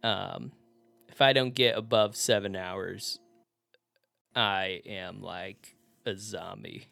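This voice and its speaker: A man's voice: on the low side, fairly even intonation, takes it slowly, vocal fry, bright, forceful tone. A man co-hosting a casual chat, telling a story with lots of laughs and fillers.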